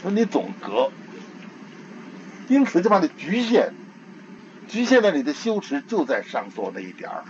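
A man's voice: sits high, a little mellow. An older man giving an informal Buddhist dharma talk, in a homely conversational way, often repeating and restarting his words. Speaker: Buddhist teacher. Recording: dull lo-fi archival tape with faint hiss.

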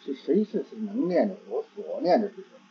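A man giving a Buddhist dharma talk, halting and repeating words as he searches for phrasing. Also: on the high side, sing-song, slightly rough. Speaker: Buddhist teacher. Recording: dull lo-fi recording.

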